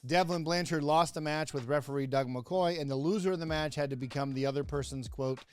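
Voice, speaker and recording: A man's voice: on the high side, a little fast, smooth. Sarcastic man reviewing old wrestling. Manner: sarcastic, laughing asides, mock outrage. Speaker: host, wrestling commentator. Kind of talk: comedic review commentary.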